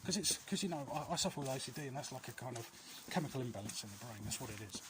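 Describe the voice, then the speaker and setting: Very fast and expressive, a mid-range male voice belongs to a vlog host walking outdoor alleys. He gives earnest, reassuring advice in a loose, wandering chat to his viewers, repeatedly losing his thread, while outdoor ambience comes through clearly.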